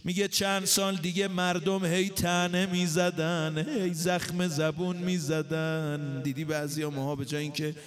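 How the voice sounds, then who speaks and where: A man preaching, telling a story in a slow, chanted style with fast, rising emotional outbursts. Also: fairly high pitch, flat delivery, soft background music. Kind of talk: chanted religious sermon storytelling.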